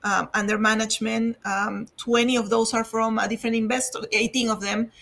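A woman from Peru giving a quick, chatty update as a guest on a video call. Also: a little high, little pitch movement, vocal fry, fairly bright tone. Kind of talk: casual live update.

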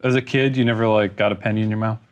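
A man co-hosting a podcast in casual chat, rambling playfully and very animated. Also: lowish voice, racing, lo-fi sound. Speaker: podcast co-host.

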